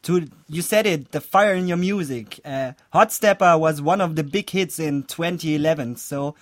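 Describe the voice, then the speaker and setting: Male interviewer, English, casual and easygoing, slightly high voice. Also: normal speed, no echo, clean studio sound. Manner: easygoing, chuckles, "yeah, man" responses.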